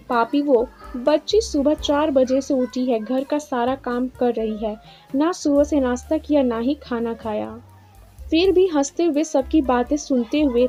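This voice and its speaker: एक महिला की आवाज़ में डांटती तेज़ ज़ुबान सास. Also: female voice, sits high. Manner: scolding, bossy. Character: sharp-tongued older mother-in-law, scolding. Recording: slightly dull lo-fi with soft music.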